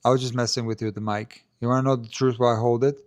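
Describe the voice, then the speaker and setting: With little pitch movement and a racing pace, a low, soft-voiced tennis channel host answers live stream questions indoors while looking into the camera. His talk is loose and chatty, packed with hedges, restarts, and "like" and "you know," captured clearly by a handheld mic held near his mouth.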